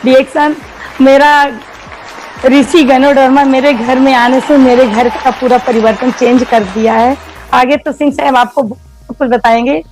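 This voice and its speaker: A middle-aged woman giving an emotional, heartfelt personal testimonial, telling her story in a lively way. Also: high-pitched, unhurried, a faint crowd, slight background noise, rough recording.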